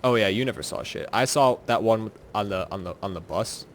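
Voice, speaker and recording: A young man with a fairly low voice tells a story in a loose, rambling way, padding his sentences with filler words. He chats casually while gaming, over faint background noise. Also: brisk. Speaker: co-host telling scary stories.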